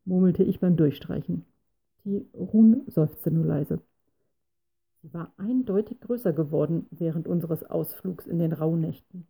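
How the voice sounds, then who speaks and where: A woman reading a first-person story aloud in a measured, scripted narration. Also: on the low side, vocal fry, warm tone, slightly rough.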